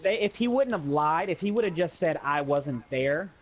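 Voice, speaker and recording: Over a noisy crowd, a young adult American man tells friends a casual anecdote at normal speed, his fairly high voice full of lively intonation. He uses slangy speech and acts out the dialogue as he goes, captured on a dull lo-fi recording.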